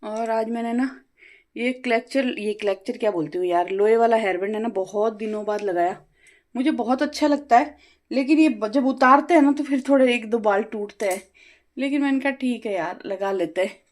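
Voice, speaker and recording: Talkative lady vlogging at home, kinda high voice, rattles on fast. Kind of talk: casual home vlog chat. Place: home, balcony and kitchen.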